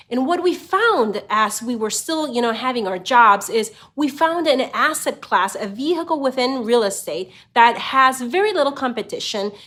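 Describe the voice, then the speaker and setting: Middle-aged woman from Honduras, slightly high voice, casual vlog host with a chatty delivery. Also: a bit bright. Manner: conversational, frequent "you know" fillers. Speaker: real estate investor and channel host. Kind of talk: casual direct-to-camera talk.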